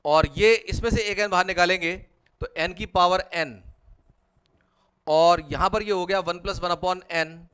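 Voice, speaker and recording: Fairly high-voiced male maths tutor. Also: fairly even intonation, a little slow, fairly bright tone, smooth. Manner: talks students step by step through working out each problem. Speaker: mathematics tutor. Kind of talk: whiteboard problem-solving lecture.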